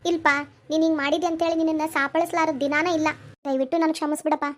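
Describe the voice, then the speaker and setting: Remorseful cartoon mother, very high voice, North Karnataka accent, pleading, a woman acting it. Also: flat delivery, quick pace, natural voice. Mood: apologetic. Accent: North Karnataka Kannada. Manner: apologetic, pleading. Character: remorseful middle-aged mother, warm village woman.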